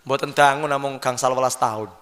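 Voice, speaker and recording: A man's voice: medium pitch, steady tone, brisk, fairly bright tone, lightly acted. A man playing a humble older male official with a Javanese accent, pleading his case meekly. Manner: meek, pleading. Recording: long hall reverb.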